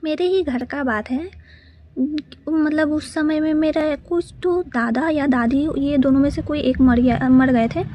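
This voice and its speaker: A woman's voice: sits high, measured pace, mellow. A woman casually telling a personal story in a rambling way, full of fillers and restarts.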